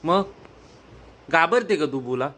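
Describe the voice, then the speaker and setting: A young father playfully teasing his small daughter at home, asking the same questions again and again in a gentle, coaxing way. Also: a little high, expressive, slow.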